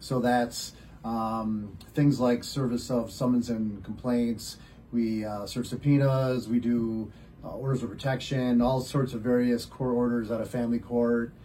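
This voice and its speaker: A man's voice: medium pitch, fairly even intonation, unhurried, dark tone, slight background noise. A man, a deputy sheriff, answering interview questions and explaining his work with many hesitant ums. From Rochester, New York area. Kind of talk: interview guest.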